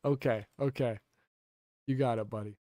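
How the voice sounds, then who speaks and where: A man's voice: medium pitch, fairly even intonation, moderate pace, warm tone, no room sound, studio quality. A man talking casually to his livestream chat, rambling and correcting himself, laughing now and then.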